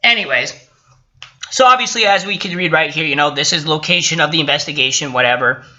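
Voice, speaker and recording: A vlogger reads a report and rants about it casually, swearing often and sounding indignant and sarcastic. His voice is on the high side, quick, pushed and bright, and the recording has a dull lo-fi sound.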